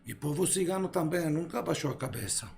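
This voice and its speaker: A man born in Israel chats as a podcast guest in a slightly higher voice. He hesitates often, fills pauses with little sounds, and bends his phrases as he reaches for words. A faint hiss sits behind him. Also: expressive, vocal fry, darkish tone. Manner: hesitant, filler-heavy, broken Portuguese. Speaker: guest philosopher. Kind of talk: casual podcast interview. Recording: faint background noise.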